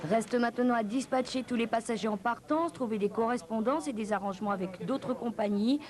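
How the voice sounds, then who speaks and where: A woman's voice: fairly high pitch, a little fast, a little mellow. A woman reading a scripted television news report as a reporter.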